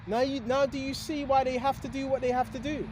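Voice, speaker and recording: Man, very high voice, rambling street preacher, rhetorical questions, faint traffic behind. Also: little pitch movement, fairly quick, a little mellow. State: has hiccups. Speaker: religious video host. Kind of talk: casual preaching monologue.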